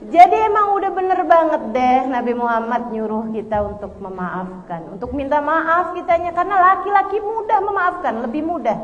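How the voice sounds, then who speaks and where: A middle-aged woman preacher giving a lively, conversational religious lecture to women, often acting out bits of dialogue. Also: a little high, muffled recording, a little hiss or hum. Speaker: Islamic preacher.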